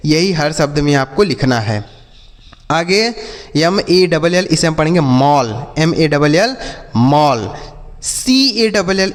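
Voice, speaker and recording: A man with a high, light voice teaches English phonics to children. He spells each word out slowly, letter by letter, then asks the class and answers himself. The room has a long, ringing reverb. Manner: repeats questions to the class and answers them himself. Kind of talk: classroom lesson.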